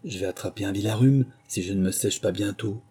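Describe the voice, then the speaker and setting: A man's voice: on the low side, fairly quick, warm tone, breathy edge. A man voicing a glum, polite young girl who speaks plaintively.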